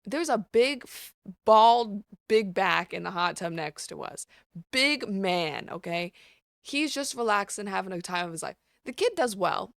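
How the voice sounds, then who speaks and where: A woman's voice: medium pitch, a little slow, vocal fry, dry recording, clean studio sound. A woman hosting her own show, telling stories in a casual, blunt, profane way. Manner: blunt, profane, animated storytelling. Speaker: podcast host. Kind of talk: casual storytelling monologue.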